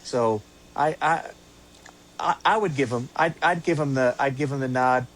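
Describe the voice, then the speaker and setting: A man co-hosting a casual sports fan podcast, speaking haltingly with many fillers and repeated words. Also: mid-range voice, a bit bright. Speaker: podcast co-host.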